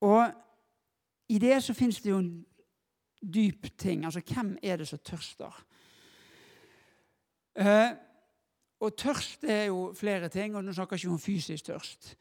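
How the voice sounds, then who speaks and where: A man's voice: sits high, creaky, darkish tone. A man giving an informal sermon, talking conversationally and asking the congregation questions. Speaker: preacher. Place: church hall with long reverb. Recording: echoey hall.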